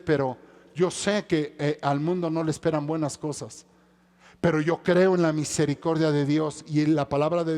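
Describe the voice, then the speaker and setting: A male pastor, preaching a sermon that swings from soft, low passages to loud, high-pitched calls.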